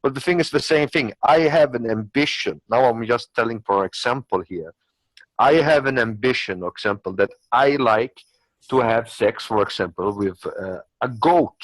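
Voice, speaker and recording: Speaking at a normal pace with a mid-range, fairly bright voice, this non-native English-speaking man argues his opinions as a panelist in an unscripted discussion. He rambles, repeats points, and reaches for hypotheticals. The low-quality recording carries no room sound.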